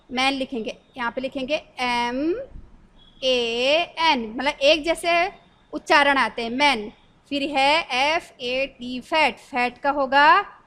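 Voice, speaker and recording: A woman's voice: high voice, bright, forceful tone. A woman teacher leading a spelling lesson for young children, spelling each word out letter by letter and asking the class questions. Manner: slow, spells words letter by letter.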